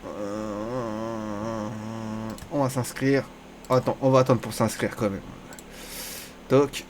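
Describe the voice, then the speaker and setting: A man narrates his own online poker session as it unfolds, half to himself and half to the players. His talk is casual and crude. Every bad bet sends his voice up into a sudden high-pitched squeal. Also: little pitch movement, slow pace, background noise. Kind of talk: live gameplay commentary.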